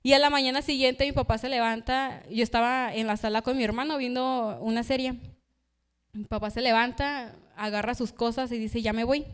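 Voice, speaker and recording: Young woman, church sermon, high voice, crisp and resonant, acts out quoted voices. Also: fairly even intonation, moderate pace. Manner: personal storytelling, acting out voices in quotes. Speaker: preacher. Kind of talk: youth sermon.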